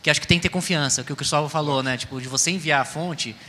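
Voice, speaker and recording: Fast-talking Brazilian man, bright voice. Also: a little high. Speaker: panelist, type consultant. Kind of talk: informal panel discussion. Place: round table in a reverberant hall. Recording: echoey hall, faint ambient noise.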